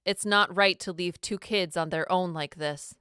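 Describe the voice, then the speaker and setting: A woman's voice: on the low side, a little slow, sharp tone, smooth, no echo, clean studio sound. A woman reading a storybook, voicing a firm, indignant woman. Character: sharp-tongued adult woman, protective sister.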